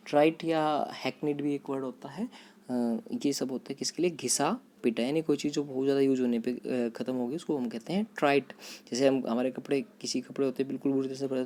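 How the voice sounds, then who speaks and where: A man teaching vocabulary to students, repeating each word, spelling it out letter by letter and pausing on fillers. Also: mid-range voice, a little mellow. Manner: addresses students directly, with hesitant fillers. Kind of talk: vocabulary lesson.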